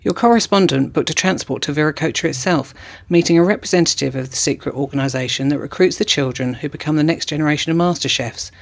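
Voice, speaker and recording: Male narrator, scripted documentary read, measured formal tone, gravelly edge, slightly high pitch. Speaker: narrator, correspondent.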